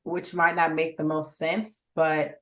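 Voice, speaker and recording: A woman's voice: sits low, flat delivery, a little slow, a bit bright. A young woman talking as a guest in a casual interview, easygoing and a little modest. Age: young adult.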